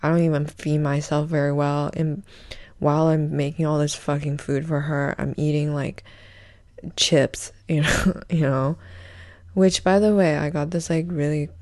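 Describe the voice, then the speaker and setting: A young woman hosting a podcast, rambling through a crude, self-mocking comedic monologue in a deadpan way. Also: low voice, unhurried, dry recording, clean studio sound. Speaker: podcast host.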